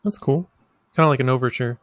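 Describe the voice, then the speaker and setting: A man hosting a casual interview, asking relaxed, curious questions. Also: medium pitch, fast.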